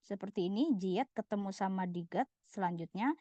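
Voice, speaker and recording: A woman teaching a language lesson, patiently repeating each word slowly for her students. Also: medium pitch, mellow, no room sound. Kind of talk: slide-based lesson. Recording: dull, lo-fi voice recording.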